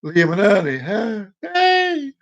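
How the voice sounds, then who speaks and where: Recorded with lo-fi sound, a man in his forties runs a live stream and addresses his viewers head-on. His voice sits high and moves slowly, with huge swings in pitch. The talk is loose and casual, full of playful rambling and repeated words and phrases.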